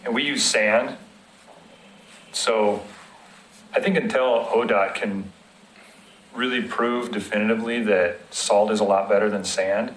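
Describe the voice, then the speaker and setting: A man's voice: fairly low pitch, fairly even intonation, unhurried, pauses often, fairly bright tone, slight background noise. A man from city road maintenance explaining winter operations to a committee in a plain, practical way, using everyday examples. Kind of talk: public committee meeting discussion. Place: council meeting room. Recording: echoey meeting room.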